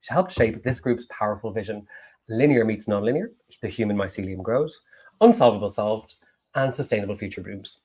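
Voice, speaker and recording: Dry, fast-talking podcast host. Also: male voice, mid-range voice, a little mellow, slightly rough. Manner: dry, ironic, buzzword-heavy delivery. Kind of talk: deadpan satirical interview.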